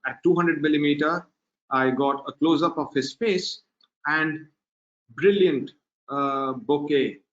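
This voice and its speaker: A man presenting a wildlife photography webinar, talking in a relaxed, unhurried way with many filler pauses over a video call. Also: mid-range voice. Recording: dull lo-fi webinar audio.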